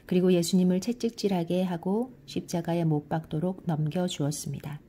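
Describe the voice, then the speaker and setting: A middle-aged woman reads scripture aloud in a calm, measured way. Her voice sits low and mellow, and quoted lines come out a little louder. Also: slight background noise. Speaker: Bible reader.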